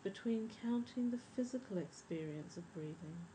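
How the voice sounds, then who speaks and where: A woman leading a guided breathing meditation in a soft, soothing, measured spa voice that often trails toward a whisper. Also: medium pitch, animated, rough recording. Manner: measured, instructive. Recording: faint background noise and ambience.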